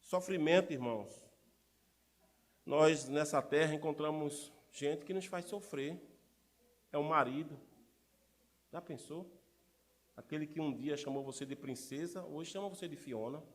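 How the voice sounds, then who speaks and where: Male pastor, middle-aged, high-pitched, lively sermon delivery with constant rhetorical questions. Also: measured pace, pauses often. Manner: animated, rhetorical questions to the congregation. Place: church.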